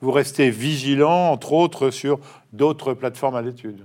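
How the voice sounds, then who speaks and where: A man who hosts an interview podcast and asks direct, brisk questions. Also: medium pitch, darkish tone. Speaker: host.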